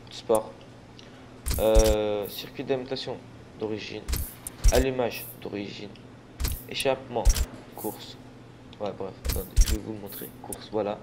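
Tired young man stumbling over his words. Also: mid-range voice. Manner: stumbling, rambling, swears often. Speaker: gaming channel host. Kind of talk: casual gameplay commentary. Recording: noisy, racing game engine sounds behind. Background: racing game car and engine sounds.

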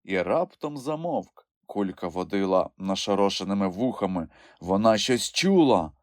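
A man narrating a children's audiobook in an expressive storytelling manner. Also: lowish voice, moderate pace, no echo, studio quality. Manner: expressive storytelling with lively swings. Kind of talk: scripted narration.

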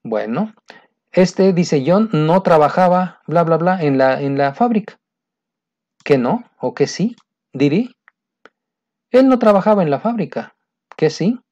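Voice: mid-range voice, lively intonation, unhurried, pauses often, darkish tone, muffled recording. An English teacher explains grammar in a recorded lesson. The teacher is patient and repeats points, often checking that the student is following. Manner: patient, repetitive, keeps checking understanding.

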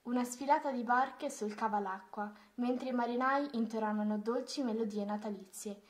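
Gentle woman reading a storybook. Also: a little high, normal speed.

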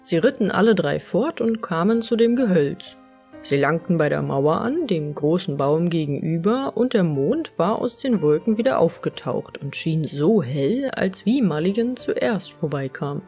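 A woman narrating a fairy tale in a calm, even storytelling manner. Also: on the low side, a little slow, soft background music. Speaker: audiobook narrator.

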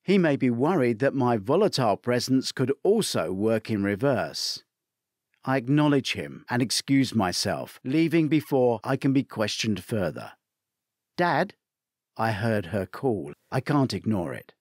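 A man's voice: medium pitch, moderate pace, no echo, clean studio sound. Man narrating a thriller audiobook. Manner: expressive storytelling. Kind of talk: first-person audiobook narration.

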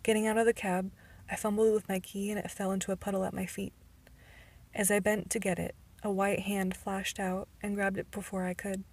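Amateur female audiobook narrator, breathy tone, flat pitch, stumbles now and then. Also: fairly quick. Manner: occasional stumbles and restarts. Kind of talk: first-person novel narration.

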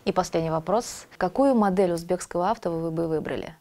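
A woman in her thirties hosting a formal studio interview in a measured, polite way. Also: on the low side, dark tone. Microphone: lapel.

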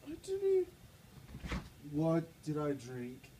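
A man's voice: a little high, wildly swooping pitch, drawn-out words. A young man, groggy and confused from anesthesia, rambling casually and drowsily from bed on a phone recording. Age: young adult. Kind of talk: casual chat. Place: small bedroom, lying in bed. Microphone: handheld phone nearby. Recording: roomy, noisy handheld phone recording.

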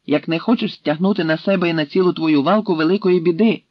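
A man's voice: a little high, fast talker, dry recording, pitched above the performer's own voice, close to an everyday voice. A man voicing a proud young Tatar captive who insists defiantly, in a dry, slightly dull recording.

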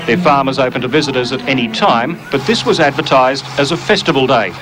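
An Australian male reporter reads a scripted news feature with a wry, measured delivery. His pitch sits in an ordinary middle range, and music plays clearly under his narration. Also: rough recording. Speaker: television reporter.

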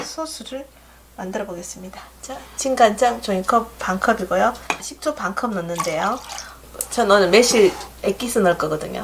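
A woman's voice: mid-range voice, background noise. Middle-aged Gyeongsang-accented woman, cooking host, chatty step-by-step kitchen talk, faint pots clinking behind. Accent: Gyeongsang Korean. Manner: chatty, homey step-by-step instructions. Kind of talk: home cooking demonstration. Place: home kitchen. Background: clinking dishes and pots.

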